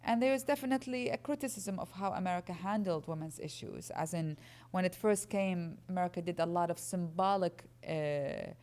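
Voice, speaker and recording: Earnest woman, low voice. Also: brisk, hardly any pauses, a little mellow. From Iraq. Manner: earnest, explanatory, conversational. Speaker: guest speaker. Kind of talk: answering audience questions at a lecture.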